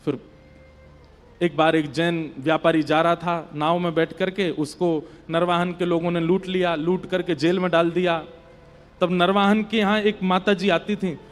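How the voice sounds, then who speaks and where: A man telling a devotional story in a sermon, emotive, his voice swelling louder on devotional lines. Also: sits high, flat delivery, measured pace, soft background music. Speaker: Bhagavat storyteller. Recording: long hall reverb.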